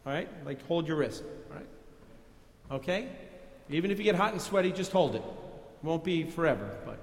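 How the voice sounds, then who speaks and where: High-voiced New York pastor preaching. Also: male voice, animated, normal speed. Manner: conversational, folksy preaching. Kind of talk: sermon. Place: church. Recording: echoey church reverb.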